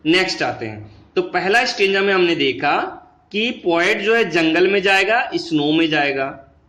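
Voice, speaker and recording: A male teacher giving a lesson, explaining patiently and switching between Hindi and English, reading English lines slowly. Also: sits high, lively intonation, sharp tone, echoey room. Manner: explains patiently, mixing Hindi and English, calls students "beta"; slows down and stretches words when reading English lines.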